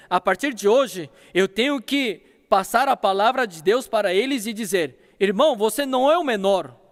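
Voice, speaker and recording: A man preaching a sermon as pastor, telling a story and acting out phone calls, in a church hall. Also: high-pitched. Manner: storytelling with acted phone dialogue.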